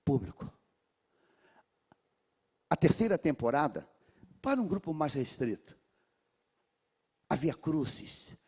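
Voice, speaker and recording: A man from Brazil with a Rio de Janeiro accent preaching a sermon in a large church, calling on the congregation to repeat his words and swinging from hushed lines to shouts. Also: medium pitch, breathy edge. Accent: Rio de Janeiro Brazilian Portuguese. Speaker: pastor.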